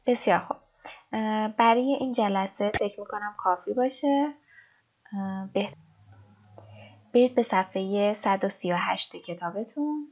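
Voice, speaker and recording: A woman teaching English in a recorded lesson, explaining step by step and reading example sentences slowly. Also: mid-range voice, a little mellow. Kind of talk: recorded online language lesson. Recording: dull lo-fi recording.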